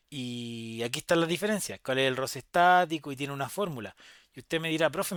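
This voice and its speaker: A young Chilean man teaching a physics lesson, his voice sitting a little high for a man. He talks in a lively, chatty way and throws in quick asides as he explains. The sound is dry and close, with almost no room around it. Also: no echo. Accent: Chilean Spanish. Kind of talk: recorded online class lecture.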